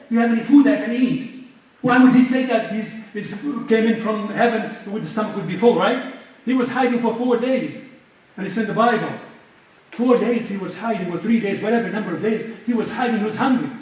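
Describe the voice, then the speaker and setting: A man with a high-pitched voice gives a religious lecture in a loose, conversational way, stopping often to search for the right word. He is recorded from far off in a big, very echoey mosque hall. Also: brisk, a little mellow. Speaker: mosque speaker.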